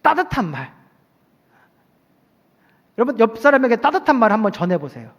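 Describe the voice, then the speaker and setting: A male pastor preaching a sermon in an animated way to his congregation in a church. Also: very high voice, moderate pace. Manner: animated preaching, acting out short everyday quotes. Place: church sanctuary at a night service. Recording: long church hall reverb.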